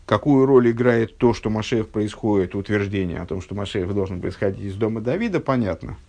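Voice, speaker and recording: A man giving a religious text-study lecture, speaking in a measured, halting way with fillers and self-corrections, reading out quotations and translating them. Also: on the low side, dark tone. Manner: reads and translates Hebrew quotations. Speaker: religious teacher.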